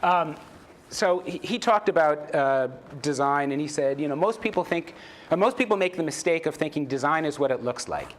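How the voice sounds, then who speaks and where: A man's voice: fairly high pitch, expressive, normal speed. A man, a journalist and author, giving a casual conference talk on a stage, chatty and self-deprecating, with many fillers and restarts. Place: conference stage before an audience.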